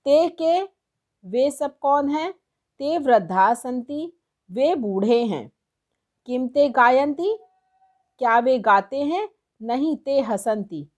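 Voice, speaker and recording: Her voice sits fairly high and sounds a little mellow. Teaching Sanskrit from a textbook, she reads passages, gives translations, and goes slowly, breaking words down syllable by syllable.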